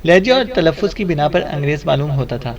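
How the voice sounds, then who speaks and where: A man narrating a detective audiobook in a steady storytelling manner. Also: a little high, recorded from a distance, dull audio. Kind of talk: scripted narration.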